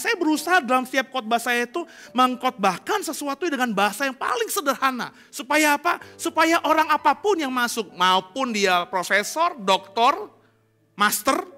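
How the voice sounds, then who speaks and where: A man preaching a sermon as pastor, speaking plainly and putting rhetorical questions to his congregation, swinging between emphatic and hushed delivery. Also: high-pitched. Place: church congregation.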